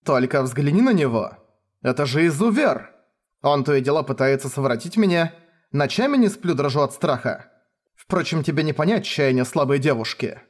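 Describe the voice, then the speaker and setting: A man voicing a cold, haughty young swordswoman who speaks deadpan and hisses. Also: a little high, normal speed. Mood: mocking. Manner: deadpan, hissing, mock-dramatic.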